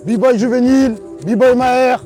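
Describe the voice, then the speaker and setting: A man doing hyped street interviews at an outdoor festival, exuberant and hype-man loud. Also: very high voice, steady tone, unhurried, faint music behind.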